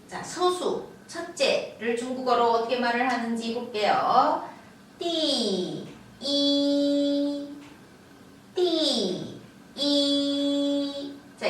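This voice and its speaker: A woman's voice: fairly high pitch, distant mic, a little hiss or hum. A woman teaching the tones of Chinese, stretching out and repeating each syllable as a model. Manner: slow, drawn-out model pronunciations with repeated syllables. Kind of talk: Chinese tone lesson in Korean. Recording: echoey room, voice from off-mic.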